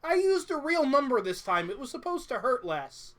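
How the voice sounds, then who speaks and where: A woman's voice: sits high, very animated, moderate pace, a bit bright, slight background noise. A woman as a sideshow showman, doing jokey mock carnival-barker patter and laughing often.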